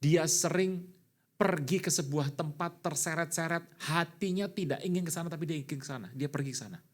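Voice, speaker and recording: A middle-aged man, a pastor, preaching a sermon in an animated way, with sudden loud bursts. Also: fairly high pitch, a little fast.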